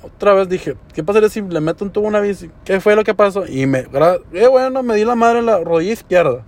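A man's voice: sits high, lively intonation, quick pace, a little mellow. A young man telling a casual story, full of slang and swearing. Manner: slangy, swears often, says "güey" constantly. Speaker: podcaster.

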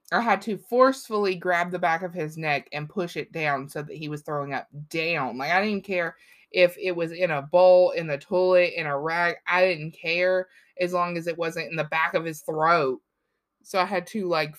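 Rambling young mom telling a story. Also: female voice, fairly low pitch, fairly bright tone. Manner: rambling storyteller, laughs often. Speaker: podcast co-host. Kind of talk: casual chat.

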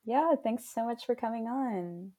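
A woman's voice: fairly high pitch, a little slow, warm tone. A young woman hosting a podcast, chatting casually and laughing often with a friend over a video call. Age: young adult. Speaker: podcast host. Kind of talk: casual interview.

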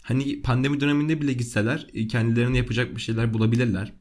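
A man's voice: medium pitch, little pitch movement, racing. A man in his twenties chatting casually as a guest on a podcast. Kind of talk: casual chat.

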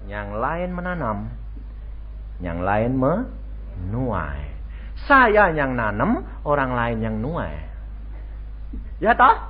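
A male pastor, preaching a sermon and acting out voices as he tells stories. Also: fairly high pitch. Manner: animated storytelling, acting out dialogue voices. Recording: dull lo-fi radio stream with faint noise.

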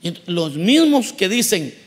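A man's voice: high voice, sing-song, measured pace, in a large hall. A man preaching a sermon, asking the congregation questions and acting out the voices he quotes. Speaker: pastor.

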